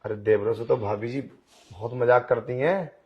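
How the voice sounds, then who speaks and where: A pushy blind young man in a Hindi audio drama, played by a man, wheedling and coaxing without letting up. His voice sits at an ordinary middle pitch. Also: moderate pace, muffled recording, natural voice. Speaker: voice actor.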